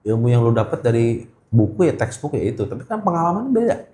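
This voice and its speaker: This gemstone trader from Indonesia speaks in a mid-range, sing-song voice with a warm tone, talking fast. He's a middle-aged man with a Jakarta accent, a casual interview guest who keeps repeating words to stress them, recorded in an echoey room.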